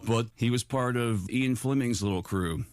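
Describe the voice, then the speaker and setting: A man's voice: mid-range voice, moderate pace, no room sound, clean studio sound. A man co-hosting a podcast in loose, swearing casual chat, laughing often. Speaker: podcast co-host.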